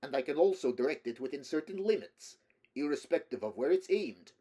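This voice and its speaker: A man voicing a jovial middle-aged male android posing as a Russian policeman, with a put-on Slavic accent and a loud, cheerful, boastful manner. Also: mid-range voice, expressive, normal speed, natural voice. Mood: cheerful boasting.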